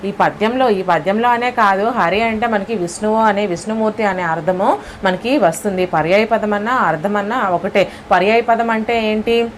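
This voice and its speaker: A woman with a Telugu accent teaching an exam lesson step by step, often checking with "okay?", her voice lower than usual from early morning. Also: normal speed, slight background noise.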